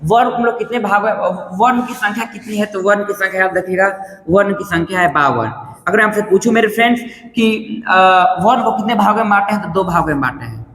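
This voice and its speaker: Man, teacher, high voice, online grammar lesson, repeats every question and answer, echoey room. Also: a bit bright. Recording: echoey room with long reverb.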